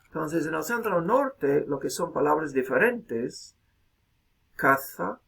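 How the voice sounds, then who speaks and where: A man giving a recorded video lecture, slow and deliberate, saying example words aloud one by one. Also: a little high, animated, gravelly, a bit bright, slightly rough.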